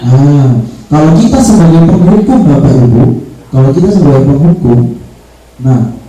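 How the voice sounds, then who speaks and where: A man's voice: on the high side, animated, normal speed. A man leading a teachers' workshop, joking and laughing often as he acts out classroom examples for his audience. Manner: playful, laughs often, addresses audience as ladies and gentlemen. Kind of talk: workshop presentation with role-play examples. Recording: roomy echo, distant mic, faint music.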